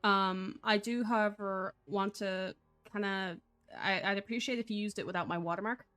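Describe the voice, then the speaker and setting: A woman's voice: mid-range voice, fairly even intonation, a bit bright, smooth, soft background music. A woman from Poland, not a native English speaker, speaking firmly on an online group voice call and filling her sentences with "uh" and "um". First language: Polish. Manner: firm, measured, with frequent fillers. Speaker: call moderator.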